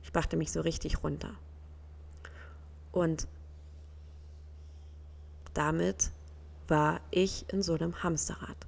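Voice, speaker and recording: A woman's voice: sits low, steady tone, takes it slowly, creaky, long pauses. A woman coaching the listener in an earnest, personal self-help talk, sometimes acting out other people's reactions.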